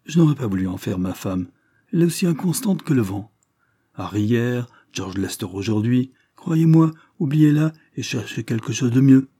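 A man's voice: mid-range voice, expressive, normal speed, dark tone, voice pushed up, close to an everyday voice. A man as a blunt, scolding old lord. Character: older aristocratic uncle, blunt and scolding.

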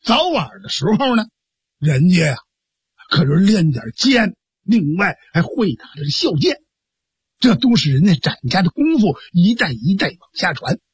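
A man with a Beijing accent telling a traditional story in a lively, theatrical way. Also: high-pitched, normal speed, slightly rough, no room sound, clean studio sound. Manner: lively, theatrical narration with fillers.

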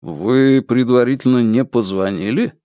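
A practical male detective, as the narrator voices him in an audiobook, blunt and matter-of-fact. He asks plain questions in a slow, unhurried voice. The recording is dry and close. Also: mid-range voice, dark tone, no echo, lightly acted. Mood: businesslike. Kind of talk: audiobook character voice.

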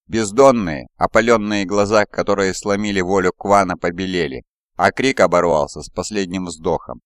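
Guy narrating an audiobook, really deep smooth voice, dramatic measured reading, close mic. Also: dry recording.

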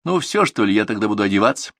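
A male narrator lends his voice to a young woman who answers everything plainly and evenly. Her voice sits low and dry. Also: big pitch swings, racing, a bit bright, no room sound, heavily acted. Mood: matter-of-fact. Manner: plain, level, shrugging. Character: young woman, calm, matter-of-fact.

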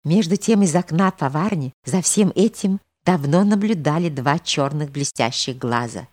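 Woman narrator, lowish voice, lively intonation, audiobook read. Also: moderate pace. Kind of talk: audiobook narration of a period story.

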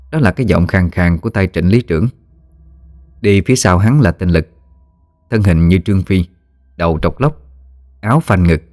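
A man narrating a horror story in a steady, measured way. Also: low-pitched, no room sound, clean studio sound.

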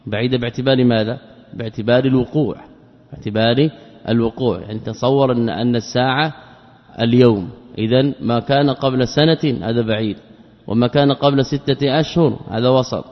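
A man gives a religious lesson, explaining a classical text at a deliberate pace and restating his points with rhetorical questions. His voice carries a long reverb, like a big hall, and the recording sounds dull and lo-fi. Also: mid-range voice. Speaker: Islamic scholar teaching a text.

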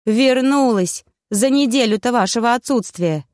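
A woman voicing Yaga, a sharp-tongued, bossy old witch who scolds loudly. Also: fairly low pitch, animated, normal speed, smooth, no echo, clean studio sound, lightly acted. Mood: scolding. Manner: tart, scolding, raised voice.

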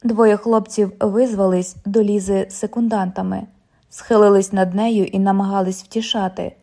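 A woman's voice: mid-range voice, flat delivery, normal speed, vocal fry, mellow. A woman reading a novel aloud as an audiobook narrator, voicing the characters' lines with only slight changes to her voice.

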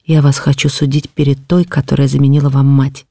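Give me a stern, contemptuous nobleman with a mellow voice, as a woman narrator puts him on in an audiobook. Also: rumbling low, flat delivery, gravelly, no echo, studio quality, heavily acted. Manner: measured, cutting, contemptuous. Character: stern cold middle-aged nobleman, contemptuous. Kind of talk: audiobook reading of a classic novel.

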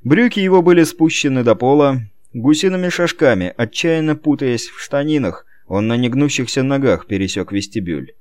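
A man narrating an audiobook in an expressive, storytelling way. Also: mid-range voice, moderate pace, hardly any pauses. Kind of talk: scripted narration.

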